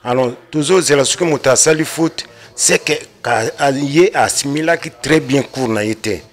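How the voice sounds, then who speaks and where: A man's voice: mid-range voice, normal speed. A man, a panel guest explaining his view and mixing in Lingala words. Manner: explanatory, mixes in Lingala, rises emphatically. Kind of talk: debate discussion.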